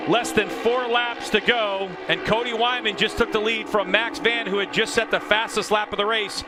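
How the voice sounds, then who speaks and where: A man working as a motorsport commentator, calling a race live with animated play-by-play. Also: high-pitched, moderate pace. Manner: animated play-by-play calling, rising to shouts at action.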